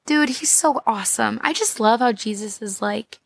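A woman's voice: on the high side, normal speed, gravelly, breathy edge. A woman giving a casual, chatty, slangy devotional talk as a podcast host, her voice thick and muffled from a swollen throat. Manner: chatty, slangy, addressing listeners as girls and guys.

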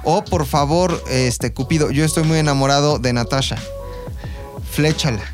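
A podcast co-host with a Mexican accent and a slightly high voice recounts history at a normal pace, treating it like casual gossip full of slang and made-up quotes. Music plays in the background.

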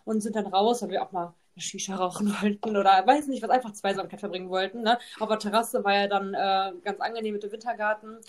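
A young woman, a mother, telling a long story in a casual podcast chat, tagging her sentences with a quick "ne?". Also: mid-range voice, fairly even intonation. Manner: chatty storytelling, constant tag "ne?". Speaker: podcast host, mother of two.

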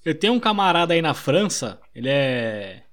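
A man's voice: fairly high pitch, big pitch swings, normal speed, fairly bright tone. A man with a Brazilian Portuguese accent, hosting a podcast in an upbeat way and asking questions. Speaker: podcast host. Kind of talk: casual chat.

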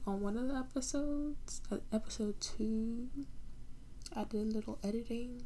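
A woman's voice: a little high, dark tone, low-quality recording. A woman in her early twenties hosting a casual solo podcast from her bed, rambling informally in slangy speech. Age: early 20s. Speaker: podcast host. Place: on a bed at home, late at night. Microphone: standalone mic set at a distance. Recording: faint background noise, mic not close.

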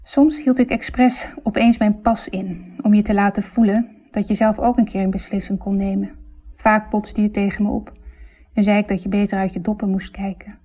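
A woman narrating a literary story in a reflective, measured, intimate way. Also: mid-range voice, little pitch movement, dark tone.

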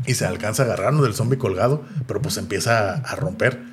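Animated Mexican man retelling a show. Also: lowish voice, quick pace, slight background noise. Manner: animated retelling, acts out characters' lines. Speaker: podcast co-host. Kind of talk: casual chat recapping a series.

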